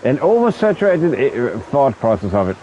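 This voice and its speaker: On a game livestream, a native Danish-speaking streamer with a Danish accent talks casually to his viewers, repeating himself and stumbling as he reaches for English words and swearing out of frustration. His medium-pitched voice is sing-song, a little fast and dark-toned, with dull audio and slight background noise.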